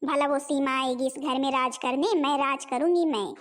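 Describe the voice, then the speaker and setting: A woman's voice: high-pitched, steady tone, lightly acted. A woman voicing a spoiled, lazy, hot-tempered young wife in a homemade cartoon. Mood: eager. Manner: defiant, quick to anger.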